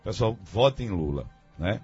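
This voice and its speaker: A man's voice: lowish voice, lively intonation, moderate pace, a little mellow, slightly rough, faint music behind. A man giving his political analysis as a guest on a radio debate, thinking aloud with many fillers and restarts. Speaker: guest commentator. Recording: dull lo-fi radio studio sound.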